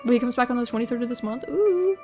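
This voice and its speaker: A woman's voice: a little high, lively intonation, quick pace, dark tone, highs cut off, faint music behind. A young woman streaming while she draws, chatting casually with viewers in a rambling, self-deprecating way, full of restarts. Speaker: art streamer. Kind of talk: casual livestream chat while drawing.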